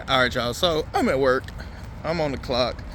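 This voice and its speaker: A car audio vlogger talks casually in slangy speech sprinkled with swearing as he walks viewers through a hands-on install. His mid-range, fairly bright voice moves at a moderate pace, recorded as noisy vehicle and outdoor phone video.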